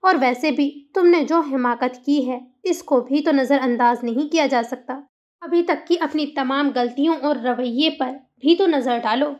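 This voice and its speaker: A woman voicing an older mother figure who calms and gently admonishes. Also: high voice, measured pace, dull audio. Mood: soothing. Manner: calming, admonishing.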